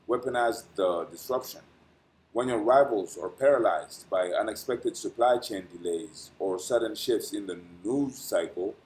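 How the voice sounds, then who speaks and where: The recording is rough with a little background noise, carrying a man's fairly low, darkish voice. He hosts an astrology channel, stumbling slightly and saying "uh" often as he reads a dense weekly forecast, then signs off in a casual, rambling way, pronouncing English carefully as a later-learned language.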